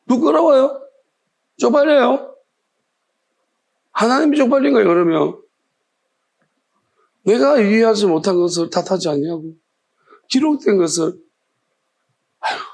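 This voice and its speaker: Gravelly husky Korean pastor preaching. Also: male voice, high-pitched, lively intonation, measured pace, pauses often, a little mellow. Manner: challenging rhetorical questions, scolding tone. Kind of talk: sermon.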